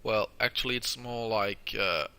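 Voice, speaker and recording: A man giving casual, halting video game walkthrough commentary, crowded with uhs, sounding stuffed up from tissue in his nose. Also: lowish voice, pushed and bright, smooth. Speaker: gameplay video host.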